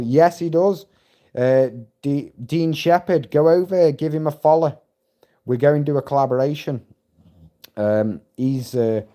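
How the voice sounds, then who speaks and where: Middle-aged male streamer, warm low-key tone, chatty, profane and meandering. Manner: rambling, heavy swearing, chatty storytelling. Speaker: livestream host. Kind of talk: casual live-stream chat.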